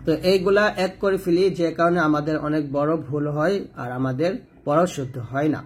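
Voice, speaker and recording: A man teaching Quran reading, slowly repeating letter sounds for drilling. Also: a little high, slight background noise. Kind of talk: step-by-step recitation lesson.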